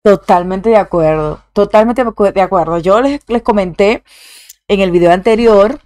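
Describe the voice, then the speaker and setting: A woman's voice: mid-range voice, normal speed, a little mellow, no room sound. A woman hosting a reaction video who talks effusively and reads viewer comments aloud, now and then slipping in English exclamations. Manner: slips English exclamations into her talk. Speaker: YouTube reaction host.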